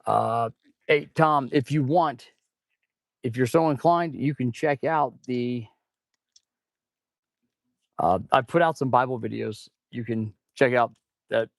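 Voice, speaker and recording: Gravelly, mouth-breathing man on a casual livestream. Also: mid-range voice, takes it slowly, long pauses, no echo, clean studio sound. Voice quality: stuffy, congested nose. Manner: audible heavy mouth breathing; rambling, informal, addresses viewers as "man" and "guys". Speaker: livestream host and auto shop mechanic. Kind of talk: casual livestream chat while working.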